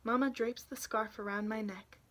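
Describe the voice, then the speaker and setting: Reading a children's picture book in a relaxed storytelling style, a young adult woman keeps a steady tone in a voice on the high side. Now and then she stops to draw attention to the pictures.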